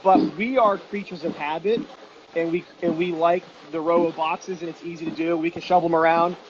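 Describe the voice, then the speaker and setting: A man's voice: fairly high pitch, fairly even intonation, brisk. A man giving casual, emphatic explanations as an instructor, often posing questions and answering them with examples. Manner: informal, emphatic, self-questioning teaching with examples. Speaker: dog detection trainer and instructor. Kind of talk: casual explanatory interview talk. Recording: dull lo-fi audio with faint noise.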